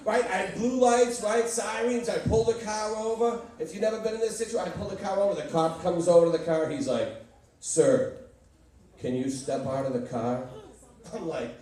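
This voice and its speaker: A Boston comedian with a strong local accent performs stand-up, telling brash, punchy stories and bantering with the crowd. His voice is high and mellow, at a moderate pace with fairly even intonation. The club recording sounds echoey and distant, with audience laughter and noise.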